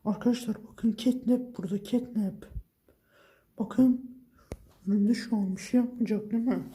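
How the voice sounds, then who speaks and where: A man's voice: high voice, fairly even intonation, normal speed, warm tone, slight background noise. A young man vlogging on his phone, frightened and exclaiming as he keeps talking to his viewers. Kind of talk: scared horror vlog, whispered asides.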